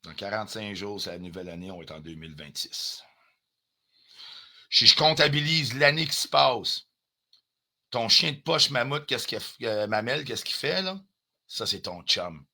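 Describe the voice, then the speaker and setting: A man's voice: on the low side, moderate pace, sharp tone. Heated Quebec French man ranting live. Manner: confrontational, heated, swears often, drops in English phrases. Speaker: livestreamer.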